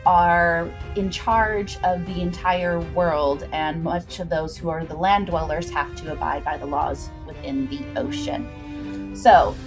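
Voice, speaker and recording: A woman with a lowish voice speaks slowly while hosting a livestream. She chats informally with viewers, recaps a story, and throws asides to the chat, with music playing in the background.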